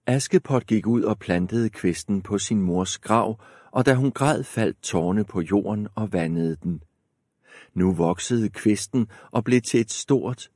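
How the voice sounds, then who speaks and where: A man reads a fairy tale aloud in a calm, measured way with a lowish voice. The recording is dry and close, with no room sound. His telling is steady and even. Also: no room sound. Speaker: narrator.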